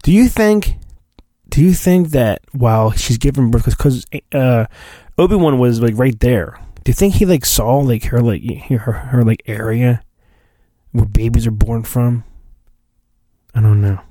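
With a mid-range, dark-toned voice, a male podcaster hams up a storybook reading in a mock-dramatic style, drawing out his lines and veering into goofy, rambling tangents. The recording is dry.

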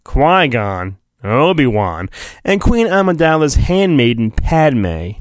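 On his solo podcast, a man with a mid-range voice and big pitch swings reads a children's storybook in a mock-dramatic way. He draws out words theatrically and tosses in flippant asides. The sound is dry and clean, studio-quality.

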